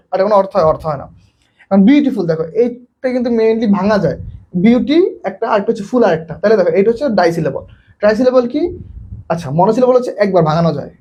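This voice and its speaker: A young Bangladeshi man teaches a live online English lesson at a rapid clip. His voice sits high, and he keeps asking his students the same question over and over. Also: a little mellow, breathy edge, dull audio. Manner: quizzing students, repeats questions often.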